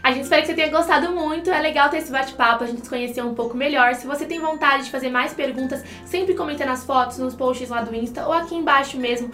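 This Brazilian woman, an English teacher co-hosting an online video lesson, rattles through her explanations with hardly any pauses, talking straight to viewers and giving examples. Her high voice is fast, bright and forceful. The sound is roomy, with faint music behind.

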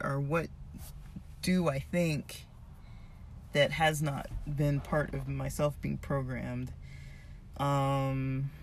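Casual book reflection, voice giving out, unhurried and hesitant delivery, some background noise on a phone recording. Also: mid-range voice. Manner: hesitant, halting, thinking aloud. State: losing voice, voice giving out. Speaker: reader discussing a self-help book.

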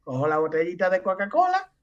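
A man's voice: high voice, wildly swooping pitch, fast talker, lo-fi sound. A man with an Andalusian Spanish accent, a podcast guest telling anecdotes in casual chat and acting out the voices of the people he quotes. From Andalusia, Spain.

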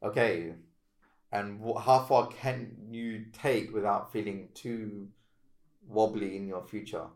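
A man co-hosting a casual spiritual podcast, animated and exclamatory as he acts out his reactions. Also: lowish voice, takes it slowly. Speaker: podcast co-host.

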